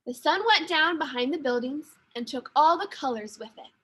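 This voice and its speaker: A woman teacher reading a children's story aloud with expressive, deliberate narration. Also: high voice.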